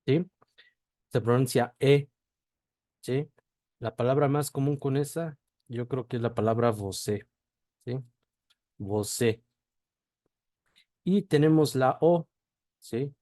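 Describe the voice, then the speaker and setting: Slow, deliberate male language teacher. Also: medium pitch, mellow, no room sound. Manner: checks in with a constant "¿sí?" after each point; spells out sounds slowly, one at a time. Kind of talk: slow classroom explanation.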